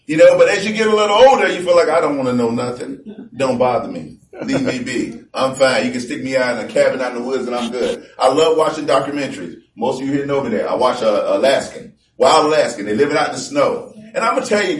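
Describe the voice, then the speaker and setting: A man preaching in a loose, conversational way. He slows down and presses hard on the scripture he reads aloud. The recording is roomy and distant, with faint background noise. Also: mid-range voice. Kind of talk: sermon. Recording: echoey room from far off.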